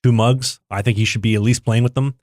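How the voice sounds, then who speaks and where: A man's voice: medium pitch, steady tone, brisk, a little mellow, dry recording, studio quality. A man co-hosting a podcast, chatting casually about hockey and rattling off player stats. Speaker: podcast co-host.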